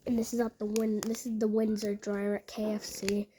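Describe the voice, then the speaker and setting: A woman giving casual vlog commentary in a halting, repetitive way, often restating her phrases. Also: mid-range voice, completely flat delivery, mellow, a little hiss or hum. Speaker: video narrator.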